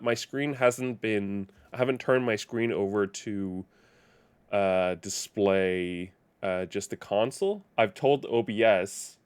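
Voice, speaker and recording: A man's voice: lowish voice, smooth. Rambling male game streamer. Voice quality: rambling, self-correcting. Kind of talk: casual live game stream chat.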